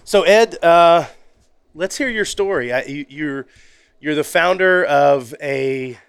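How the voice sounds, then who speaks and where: A man's voice: a little high, slow, a bit bright, clear, resonant tone, no echo. A man hosting a casual interview show, chatty and jokey, often laughing as he talks. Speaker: podcast host.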